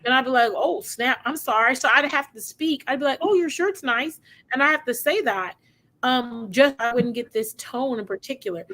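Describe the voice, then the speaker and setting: American woman chatting on a podcast, kinda high voice, talks fast in bursts and laughs mid-sentence. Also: bright, forceful tone. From United States. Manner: chatty, quick bursts, laughs while talking. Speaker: podcast co-host. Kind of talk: casual chat.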